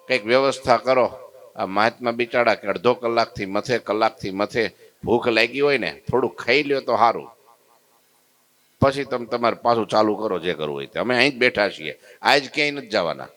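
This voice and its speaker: A man voicing a calm male spiritual master who gently teases his challenger. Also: medium pitch, lightly acted. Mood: kindly. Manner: unhurried, gently mocking.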